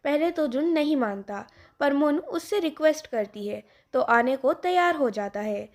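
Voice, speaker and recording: A woman with a high, light voice narrates a family drama. She reads in a plain, steady way, with no flourishes. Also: normal speed. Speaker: storyteller. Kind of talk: scripted story narration.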